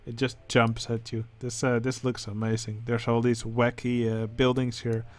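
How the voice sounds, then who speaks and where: A man with a Dutch accent, speaking English as a second language, who hosts a channel and comments casually on game contest entries, pausing often with filler sounds. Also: mid-range voice, flat delivery. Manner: hesitant, many filler sounds. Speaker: channel host judging a building contest.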